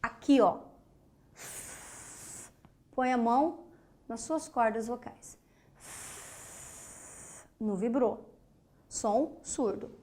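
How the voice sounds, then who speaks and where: A woman's voice: a little high, extremely slow, long pauses, mellow. A woman from Brazil teaching an online grammar lesson, explaining step by step, asking rhetorical questions and checking understanding with short tags, and voicing the speech sounds aloud as examples.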